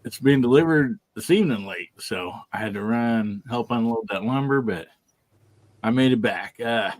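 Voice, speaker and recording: Folksy Southern man, lively and breathless. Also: mid-range voice, moderate pace. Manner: chuckling, folksy, with many fillers. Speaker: panel guest. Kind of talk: casual live stream chat.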